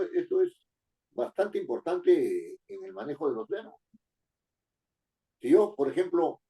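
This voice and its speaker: A man from Peru with a fairly high voice and a dark tone teaches a spoken lesson on writing and accent marks. He asks the students questions throughout, explaining rules and going back over key phrases.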